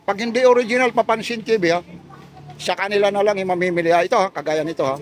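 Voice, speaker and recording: A man vlogging at an outdoor street market in light rain, talking in a lively, chatty way with many tag questions while showing goods on a handheld phone camera. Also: high-pitched, fast talker. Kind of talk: casual street vlog chat.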